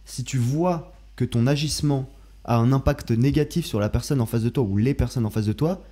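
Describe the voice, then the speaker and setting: A man's voice: medium pitch, brisk, dark tone. A young man co-hosting a casual podcast discussion, agreeing and chiming in with short replies. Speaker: podcast co-host.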